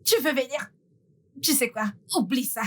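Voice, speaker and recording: A woman playing an irritable, sharp-tongued young woman in dubbed film dialogue, with snappy questioning. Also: sits high, moderate pace. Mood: annoyed.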